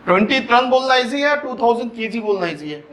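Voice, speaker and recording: A man's voice: extremely high pitch, big pitch swings, a little fast, a bit bright. A man with a Hyderabadi Hindi accent teaching physics, explaining step by step, mixing in English terms and asking the class questions as he goes. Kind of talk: classroom lecture.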